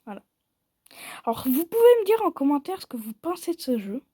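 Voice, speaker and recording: High-voiced playful woman narrating gameplay. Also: sing-song, brisk, dark tone, no room sound, clean studio sound. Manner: playful, rambling and self-mocking. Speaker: mobile game commentator. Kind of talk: casual gameplay commentary.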